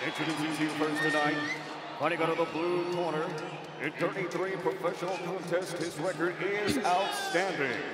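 A man announcing boxing introductions like a lucha libre announcer, theatrical and booming, stretching out shouted names. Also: fairly even intonation, moderate pace, very noisy. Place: boxing ring in a packed arena. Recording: loud crowd roar in big arena, echoey.

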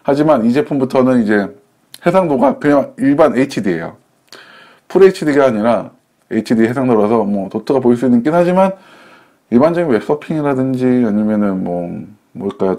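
A man's voice: mid-range voice, big pitch swings, a little fast, dark tone. A man casually reviewing budget laptops, chatty, often correcting himself mid-sentence and explaining with simple analogies. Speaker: tech reviewer.

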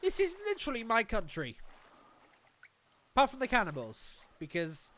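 Speaking at normal speed with an extremely high pitch, a young Welsh-accented man streams a survival game from a small room at home. Using a headset mic, he excitably jokes with his chat and talks to the game as live commentary.

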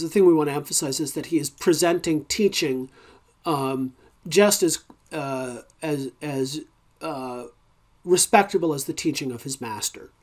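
A man's voice: on the high side, a bit bright. A man teaching a recorded college ethics lecture in a conversational way, with many fillers and restarts and wry, informal asides.

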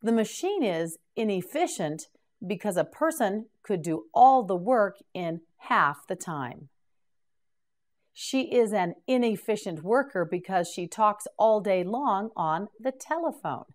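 A woman teaching English vocabulary, saying each word slowly and patiently prompting the learner to repeat it. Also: medium pitch, expressive. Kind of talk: slow drilled word repetition.

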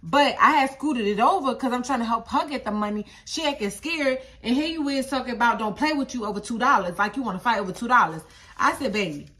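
A young woman, telling a story in a casual vlog, animated and repeating phrases in incredulous high-pitched bursts. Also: fast talker. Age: young adult. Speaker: vlogger.

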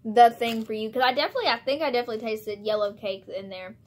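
A woman's voice: a little high, fast talker. Bubbly giggly young woman vlogger. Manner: bubbly, giggly, exclaims and laughs often. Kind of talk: casual taste-test vlog.

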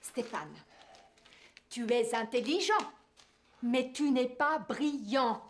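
A woman's voice: high voice, takes it slowly, slight background noise. A woman in her thirties playing a fussy café owner in a scripted language-course drama, scolding and exclamatory. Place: café, indoors and on a terrace.

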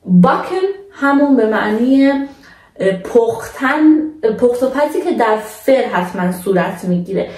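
A young woman teaching a language lesson in a patient, casual way, slowing down to model words for her viewers. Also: on the high side, expressive, darkish tone, reverberant, distant mic.

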